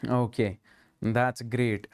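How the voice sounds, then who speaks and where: A man's voice: medium pitch, level tone, extremely slow. A man from Kashmir with a Kashmiri Indian accent, teaching a live online class and often checking in with his students with short tag questions. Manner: repeatedly checks in with okay and understand. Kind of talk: live lecture, addressing students.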